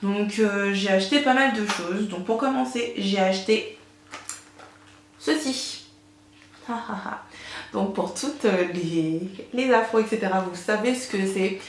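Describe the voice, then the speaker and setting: A woman's voice: medium pitch, normal speed, slight background noise. Chatty woman in an echoey room. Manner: chatty, enthusiastic, many fillers. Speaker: beauty vlogger. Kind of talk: casual haul video.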